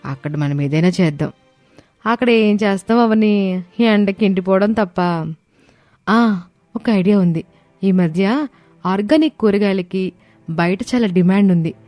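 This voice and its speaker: A woman voicing young daughters-in-law in an animated story, eager and pleading. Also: medium pitch, unhurried, pauses often, no room sound, soft background music, natural voice.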